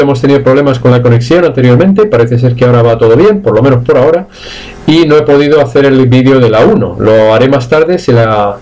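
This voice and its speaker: Spanish male English teacher, animated pitch, rattles off explanations, slows right down on each English word. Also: low-quality recording. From Spain. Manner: switches between quick Spanish explanations and slow drawn-out English words. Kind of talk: live online English lesson.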